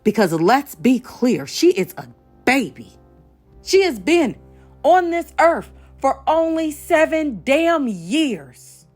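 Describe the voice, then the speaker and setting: An American woman with a high-pitched voice hosts an online show, delivering fiery commentary straight to the camera. She sounds emphatic and outraged, repeating phrases to drive her points home.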